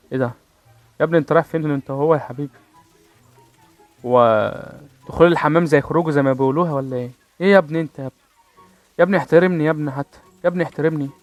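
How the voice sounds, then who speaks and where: A gaming channel host with an Egyptian Arabic accent gives casual, playful gameplay commentary, joking with his viewers and mouthing gunfire sounds. His voice is fairly high, and the recording is dry.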